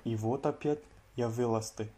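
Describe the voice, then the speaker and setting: A man's voice: medium pitch, fairly even intonation, normal speed, warm tone, husky. A man, a language student, reciting a poem line by line with care.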